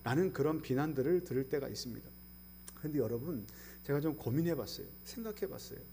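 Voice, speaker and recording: Male pastor, middle-aged, impassioned sermon delivery; rhetorical questions, loud emphatic quotes, soft asides, very lively intonation. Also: a little high, fast, a little hiss or hum.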